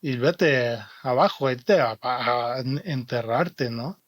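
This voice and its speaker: A young man from Mexico, telling his own story in a halting way, often repeating and restarting words. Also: mid-range voice, dry recording. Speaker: interviewed athlete. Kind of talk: personal testimony. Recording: faint music behind the voice.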